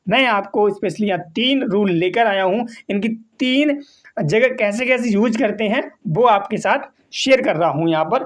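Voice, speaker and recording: A man teaching English vocabulary, explaining slowly and patiently, repeating and spelling out each word. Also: very high voice. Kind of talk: vocabulary lesson.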